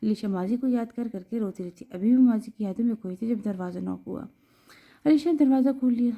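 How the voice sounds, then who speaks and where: A woman reading a romance novel aloud in an even, steady storytelling manner. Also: a little high, creaky. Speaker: audiobook narrator.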